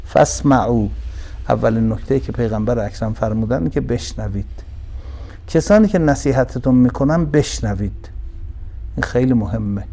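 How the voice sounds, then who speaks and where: Guy preaching a sermon, warm mellow voice, goes over arabic verses word by word, repeats stuff. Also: mid-range voice, creaky. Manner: repeats key words, rises for emphasis. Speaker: cleric.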